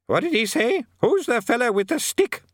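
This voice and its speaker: A man putting on a cranky deaf old wizard, very high, loud, querulous. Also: very animated, normal speed, dry recording, studio quality, exaggerated voice. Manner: querulous, shouting. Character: deaf cantankerous very old male archchancellor.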